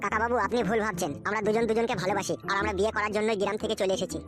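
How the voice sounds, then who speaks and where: A woman's voice: mid-range voice, fairly even intonation, very fast, lightly acted. A woman doing a lovestruck young village lad. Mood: polite. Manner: sweet-talking and polite. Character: lovestruck young village man eloping with his sweetheart. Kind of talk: comic audio drama. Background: background music.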